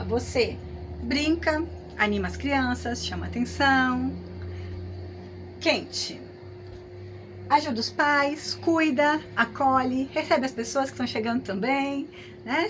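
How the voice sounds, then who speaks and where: A Brazilian woman with a high, bright-sounding voice gives a lesson, keeping it lively and conversational. She often checks in with her listeners through quick tag questions. A faint hum of background noise sits under her voice. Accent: Brazilian Portuguese. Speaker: teacher. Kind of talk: lecture with hypothetical examples.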